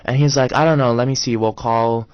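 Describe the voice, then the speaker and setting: A man's voice: medium pitch, brisk, smooth, dry recording, muffled recording. Exasperated young man telling a story. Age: young adult. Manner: animated, exasperated retelling. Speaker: college radio co-host. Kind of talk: casual storytelling chat.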